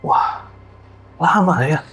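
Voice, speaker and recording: A man's voice: drawn-out words, fairly bright tone, faint music behind. A male podcast host who keeps to brief, encouraging questions and interjections. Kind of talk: interview prompts.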